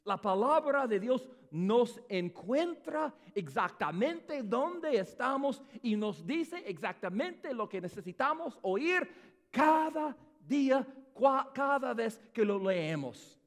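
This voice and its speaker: A man's voice: extremely high pitch, sing-song, takes it slowly. A man preaching a sermon with emphasis, turning to the congregation with rhetorical questions. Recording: long hall reverb.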